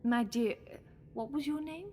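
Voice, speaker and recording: A slight hiss or hum sits under this high-pitched, somewhat mellow female voice. She performs an audio-drama role as a false goddess, imperious and scheming, giving orders with silky condescension and slow, belittling terms of endearment.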